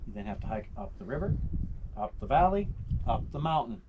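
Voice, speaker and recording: A man giving a storytelling guided tour to a group outdoors, theatrical and folksy, with rhetorical questions and dramatic pauses. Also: mid-range voice, big pitch swings, highs cut off. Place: outdoors on a mountainside. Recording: noisy live outdoor recording with clicks.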